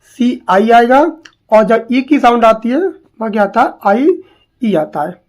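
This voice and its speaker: A woman teaching English spellings to exam students, repeating each word slowly and asking questions as she goes. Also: a little high, expressive. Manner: slow, drilling, repeats words and asks questions.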